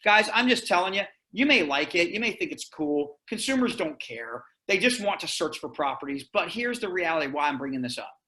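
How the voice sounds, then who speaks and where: A man presenting a sales webinar, talking in a direct, energetic and persuasive way. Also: fairly high pitch, brisk, few pauses. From Florida, US.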